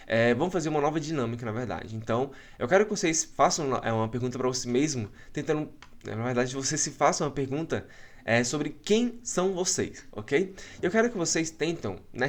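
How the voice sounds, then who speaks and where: Man lecturing with constant tag questions. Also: a little high. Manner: frequent checking tags, explanatory. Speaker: psychology lecturer. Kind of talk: online course lecture. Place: home.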